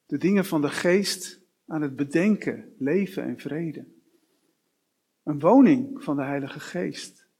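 A male preacher delivers his sermon at an unhurried, deliberate pace. His voice is slightly high for a man and carries a husky edge. He builds his points through strings of repeated short questions. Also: darkish tone. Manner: slow, with repeated rhetorical questions.

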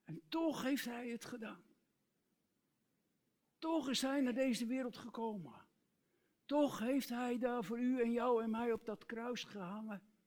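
A male preacher giving an earnest sermon, reciting hymn lyrics and dropping to soft, tender tones. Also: very high-pitched, unhurried, pauses often.

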